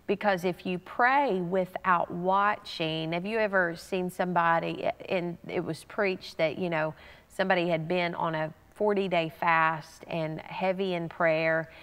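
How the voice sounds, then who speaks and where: A woman's voice: fairly low pitch, steady tone, measured pace, fairly bright tone, clear, resonant tone, big-room sound. A woman pastor giving an earnest, conversational sermon, often restarting her sentences for emphasis.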